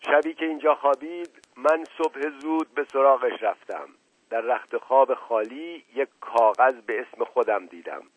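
A man's voice: mid-range voice, breathy edge, dry recording, narrow, tinny audio, natural voice. A man voicing a stern, domineering older uncle in an audiobook, speaking in a commanding tone. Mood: grave.

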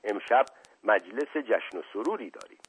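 A man playing a quick, flattering, jovial prince. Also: on the low side, slightly rough. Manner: fast, effusive, coaxing politeness. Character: jovial, flattering middle-aged male prince. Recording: tinny phone-like audio.

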